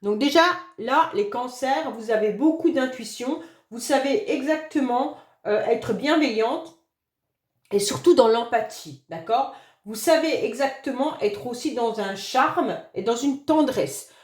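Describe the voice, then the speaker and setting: Hoarse woman tarot reader, high voice, gentle reassuring delivery, echoey room. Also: expressive, unhurried. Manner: gentle, reassuring, fond of "d'accord?" and "hein". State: hoarse voice after illness, occasional cough. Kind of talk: monthly astrology reading for a sign.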